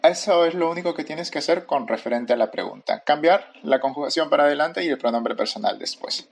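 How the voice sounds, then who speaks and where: A man teaching a recorded grammar lesson, speaking slowly and deliberately and repeating each form. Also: on the high side, lively intonation, creaky, slight background noise. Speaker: English teacher.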